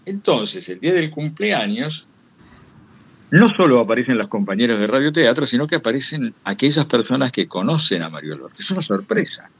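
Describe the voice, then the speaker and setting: A man from Buenos Aires, speaking with that Argentine Spanish accent, tells stories at a public talk, digressing and self-correcting as he goes; he is both a radio host and an interview guest. His medium-pitched voice has a breathy edge, and the recording is muffled.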